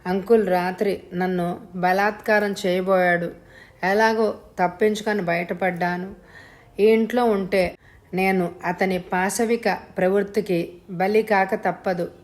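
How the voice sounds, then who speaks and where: A woman's voice: medium pitch, fairly even intonation, unhurried, lightly acted. Woman voicing a frightened, indignant young wife. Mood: pleading. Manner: pleading, outraged.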